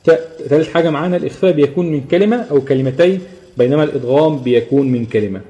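A man with an Egyptian Arabic accent teaching a tajweed lesson at a quick clip. His tone is mellow and dark. He explains step by step, keeps checking in with the class and drags out each example as he chants it. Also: a little high. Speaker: Quran recitation teacher. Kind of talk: live online tajweed lesson.

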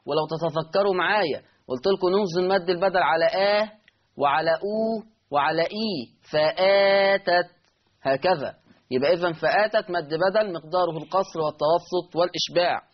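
A man's voice: fairly high pitch, brisk, husky, highs cut off. A man with an Egyptian Arabic accent teaching Quran recitation rules in an online lesson, repeating key terms and answering his own questions.

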